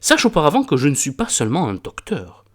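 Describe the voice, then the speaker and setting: Un homme qui prête sa voix à un docteur pédant et arrogant dans une farce classique lue à voix haute, sur un ton déclamatoire et sentencieux. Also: male voice, on the high side, wildly swooping pitch, a little fast. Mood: pompous. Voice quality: declaiming, lecturing, self-important. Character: pompous arrogant learned doctor, male, middle-aged. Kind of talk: reading a classic farce aloud.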